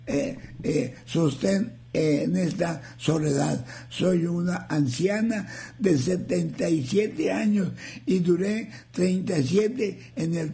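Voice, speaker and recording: Older man, radio host, folksy, joking, high voice, gravelly. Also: warm tone. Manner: folksy, joking, slow and drawn out. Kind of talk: reading listener messages on live radio.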